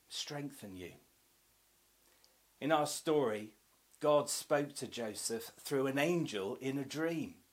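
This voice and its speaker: A man, a church minister, giving a devotional Advent reflection and reading scripture, in a measured voice that sinks to soft, hushed tones. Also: mid-range voice.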